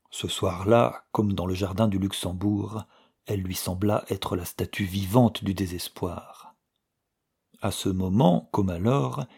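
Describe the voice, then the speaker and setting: Male audiobook narrator, husky and gravelly, measured delivery. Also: fairly low pitch, darkish tone. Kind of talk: scripted narration.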